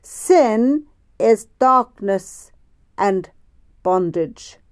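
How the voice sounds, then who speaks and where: A woman preaching by phone, telling a personal story in a slow, deliberate way. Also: mid-range voice, animated.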